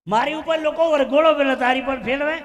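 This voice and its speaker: A man's voice: extremely high pitch, a little fast, pitched above the performer's own voice. A man voicing a proud horse in a folk fable told during a sermon, taunting and boastful. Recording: instrumental music behind.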